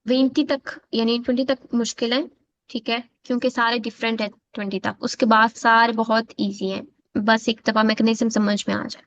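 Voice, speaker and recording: A woman teaching an online class, saying each word slowly and patiently. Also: a little high, little pitch movement. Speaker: Italian teacher. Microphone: video call. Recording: dull lo-fi video call audio.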